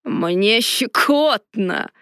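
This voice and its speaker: A woman voicing a gruff, sarcastic male dragon who drawls slowly and rolls a growling R, in a storybook reading. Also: on the high side, expressive, a bit bright, dry recording, studio quality, exaggerated voice. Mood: indignant. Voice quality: growling rolled R. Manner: slow, drawling and mocking.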